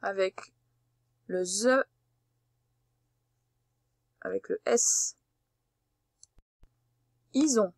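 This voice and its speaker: A woman teacher giving a patient, slow spelling dictation lesson, spelling out letters one by one. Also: fairly high pitch, dry recording, studio quality.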